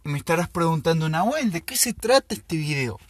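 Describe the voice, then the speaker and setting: A man who hosts a show and tells a story in a casual, unhurried way, pausing often to think. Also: fairly high pitch, sing-song, no room sound. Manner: slow, thoughtful, with pauses and fillers. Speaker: podcast host.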